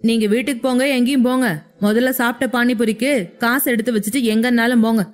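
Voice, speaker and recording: A woman's voice: on the high side, fairly even intonation, fast, natural voice. A woman voicing an irritated male street food vendor who grumbles sarcastically in an audio story.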